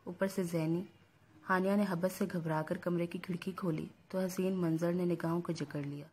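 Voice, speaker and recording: Woman, narrator, novel read aloud, husky voice, steady even delivery. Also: on the low side.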